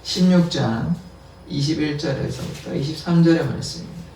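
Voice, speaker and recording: A man's voice: fairly high pitch, moderate pace, creaky, darkish tone, a little hiss or hum. A man pastor giving an early-morning sermon, explaining scripture in plain words and acting out the quotes with a laugh. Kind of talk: dawn prayer sermon. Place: church sanctuary. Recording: echoey, distant church recording.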